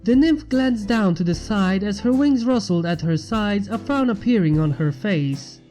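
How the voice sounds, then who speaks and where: A woman reads a scripted story aloud as a fan fiction reader, her voice mellow, relaxed, and medium in pitch. She keeps a moderate pace while faint music plays behind her.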